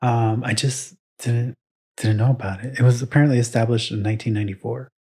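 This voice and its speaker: A man's voice: medium pitch, steady tone, a little fast, warm tone, slightly rough. A young man co-hosting a casual podcast, bantering and running a playful trivia quiz. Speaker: podcast co-host. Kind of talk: casual chat.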